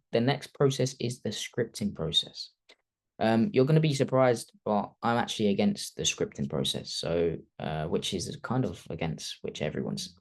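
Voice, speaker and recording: Casual low-voiced man coaching. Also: a little mellow. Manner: conversational, keeps tagging "okay?", thinks aloud off the cuff. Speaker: personal branding coach. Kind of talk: casual masterclass teaching. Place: video call.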